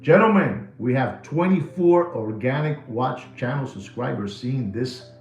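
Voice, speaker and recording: A man in his sixties from New York City rambles through a live watch podcast, cracking jokes and slinging slang in an animated but unhurried way. His voice is middle-pitched with a gravelly, creaky edge. The room echoes, and faint music plays in the background.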